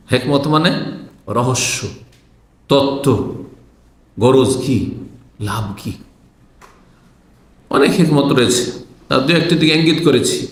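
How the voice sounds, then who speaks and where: A man's voice: on the high side, a bit bright. A man from Bangladesh giving a religious lecture, teaching point by point and putting questions to his listeners. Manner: teaching in numbered points, asking the audience questions. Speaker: Islamic preacher. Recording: roomy echo.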